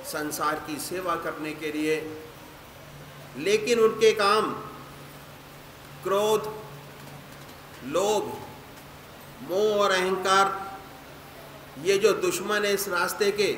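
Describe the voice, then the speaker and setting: A man preaches a spiritual sermon in a slow, measured, didactic way, pausing often between phrases. His voice sits high and sounds bright. It is recorded in a roomy hall with long reverb and faint ambience behind. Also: slight background noise. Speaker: spiritual teacher.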